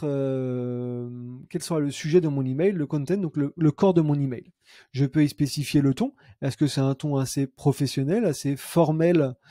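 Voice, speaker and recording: A young man demoing software in a screen-recorded tutorial, chatty and thinking aloud with fillers and self-corrections. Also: a little high, dry recording, studio quality. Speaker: CRM consultant demoing software.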